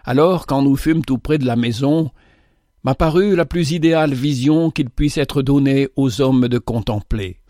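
A man narrating a literary story in a measured, dramatic storytelling manner. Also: medium pitch, dark tone, dry recording, clean studio sound.

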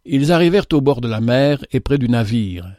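A man reading a religious parable aloud in a measured, solemn way. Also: mid-range voice, lively intonation, mellow, no room sound, studio quality. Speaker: reader.

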